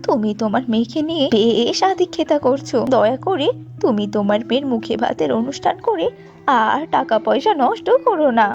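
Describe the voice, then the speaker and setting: Lady doing a cranky old mother-in-law, sneery and bossy, a bit lower than her usual, dull lo-fi audio with music under it. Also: big pitch swings, a little fast, gravelly, darkish tone, exaggerated voice. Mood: scolding. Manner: scolding, sneering. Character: sharp-tongued older mother-in-law, scornful of granddaughter. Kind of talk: cartoon voice acting.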